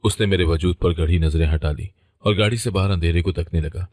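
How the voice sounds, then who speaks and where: A male storyteller reads a dramatic story in a steady, measured voice. His voice sits very low. The recording is close and dry, with no room echo. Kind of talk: scripted narration.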